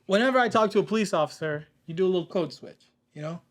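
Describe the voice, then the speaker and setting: A young man hosting a casual podcast chat, telling stories in an animated, joking way. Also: high voice, fast. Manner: animated, joking, tells stories with put-on voices. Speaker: podcast host.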